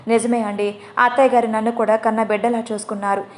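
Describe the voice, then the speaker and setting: A woman voicing a soft-spoken, tearful young wife, in a spoken storybook. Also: a little high, little pitch movement, quick pace, natural voice. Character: tender young wife, a sorrowful sister-in-law.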